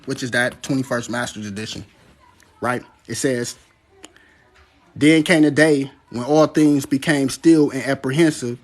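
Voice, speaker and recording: A man, preaching about prophecy in casual livestream talk, swearing and asking "right?" again and again. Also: medium pitch. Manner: preachy, excitable, swears, asks "right?" often.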